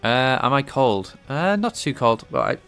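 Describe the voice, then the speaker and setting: Very animated but measured in pace, this man has a medium-pitched, smooth, fairly bright voice, with soft music in the background. As a game developer streaming his work, he gives casual live-coding commentary on his game engine, thinking aloud with hesitation and frequent restarts. A cold makes him sound somewhat nasal and congested.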